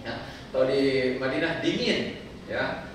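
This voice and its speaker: A man's voice: medium pitch, expressive, takes it slowly. A man, a cleric, giving conversational, joking religious instruction to pilgrims. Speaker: umrah guide and cleric. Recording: echoey hall, distant mic, faint hiss.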